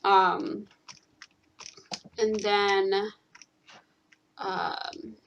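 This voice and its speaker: Slow-talking young woman, casual. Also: medium pitch, level tone, fairly bright tone, lo-fi sound, slight background noise. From California. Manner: rambling, full of ums and restarts. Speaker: channel host. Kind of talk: casual chat while gaming.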